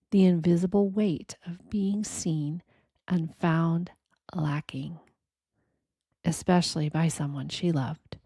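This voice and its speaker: A woman gives a quiet, reflective scripted reading in a gentle, deliberate manner, leaving pauses between short phrases. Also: on the low side, husky, no echo, clean studio sound. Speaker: narrator of a reflective spiritual reading.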